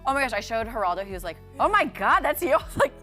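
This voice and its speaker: A woman's voice: fairly high pitch, very animated, pushed and bright, faint music behind. A woman in her early thirties co-hosting a morning TV cooking segment, chatting casually and laughing while she cooks in a studio kitchen. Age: 30s. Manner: chatty, laughing, quick asides. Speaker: morning show co-host.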